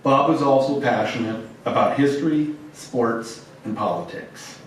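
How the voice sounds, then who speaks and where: A man formally reading a prepared eulogy as officiant of a memorial service, in measured, solemn phrases. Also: medium pitch. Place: large echoey room at a gathering. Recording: echoey hall, distant mic, faint noise.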